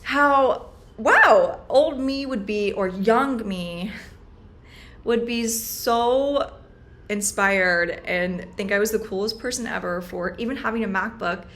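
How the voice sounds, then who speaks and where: A woman's voice: medium pitch, takes it slowly, a bit bright. Chatty young woman rambling to her laptop. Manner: chatty, rambling, self-aware. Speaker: vlogger. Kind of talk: casual video journal. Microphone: laptop built-in mic.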